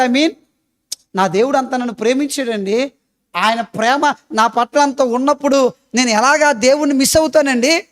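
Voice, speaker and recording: A man's voice: very high-pitched, fairly bright tone. A male pastor with a Telugu accent, preaching a sermon full of rhetorical questions and repeated emphatic phrases.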